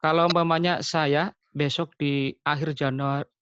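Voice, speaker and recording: A man's voice: on the high side, fairly even intonation, moderate pace, a bit bright, clean tone, no room sound, lo-fi sound. A man asking a hesitant, apologetic question over a video call whose audio keeps breaking up. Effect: choppy, breaking-up internet call audio. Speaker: participant asking a question in an online meeting.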